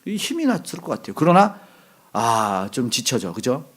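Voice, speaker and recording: This middle-aged pastor's sermon is conversational, full of questions to the congregation and acted-out quotes that erupt into sudden loud bursts. His husky, mid-range voice has a sing-song quality at normal speed.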